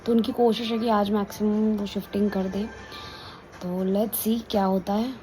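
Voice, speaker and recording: A woman's voice: medium pitch, moderate pace, faint music behind, poor audio. A woman chatting casually to viewers at home about the family's day, slipping English words into her talk. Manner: relaxed, mixes English into her chat. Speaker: vlogger.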